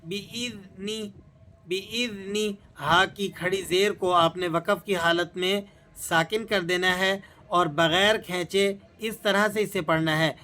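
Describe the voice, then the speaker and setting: A man teaching Quran recitation rules, reciting verses slowly and drawn out, then explaining in calm plain speech. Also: high voice. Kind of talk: Tajweed lesson with slow recitation.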